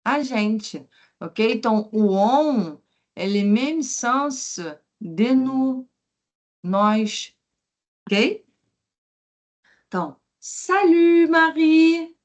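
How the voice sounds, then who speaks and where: Slow-drilling woman teaching French. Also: a little high, lively intonation. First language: Portuguese. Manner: repeats words slowly for pronunciation drills; switches between French and Portuguese explanations. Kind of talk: online language lesson.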